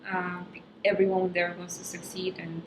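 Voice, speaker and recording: A woman with a low-leaning voice speaks at a normal speed in a level tone. She's a young stand-up comedian from Kazakhstan with Russian as her mother tongue, appearing as a guest in a casual interview and filling pauses with frequent ums while she finds her words. The room is echoey and there's background noise.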